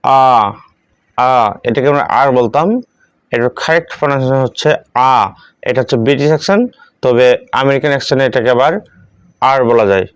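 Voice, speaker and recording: A man teaching the English alphabet, saying each letter slowly and repeating it, in a steady classroom manner. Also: medium pitch, clean tone, dry recording. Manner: repeats each letter twice, slow and deliberate. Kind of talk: slow classroom instruction.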